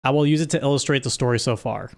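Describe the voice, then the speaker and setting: A man's voice: medium pitch, quick pace, gravelly. A man streaming live, recapping a story in a rambling, joking way. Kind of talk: casual live-stream chat.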